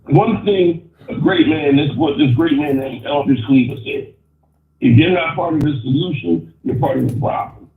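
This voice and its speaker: A man's voice: on the high side, normal speed. A man calling in over an earbud, his voice muffled and hard to make out, stammering through restarts as he gives his blunt opinions. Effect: muffled phone line over an earbud. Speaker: caller. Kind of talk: opinionated call-in rant. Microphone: wireless earbud on a phone call. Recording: muffled, tinny, echoey phone call.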